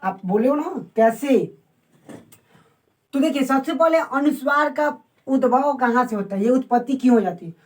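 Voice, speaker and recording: A woman teaching a casual online lesson, asking the viewers questions and repeating words slowly to sound them out. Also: high-pitched, rough recording. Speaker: Hindi teacher.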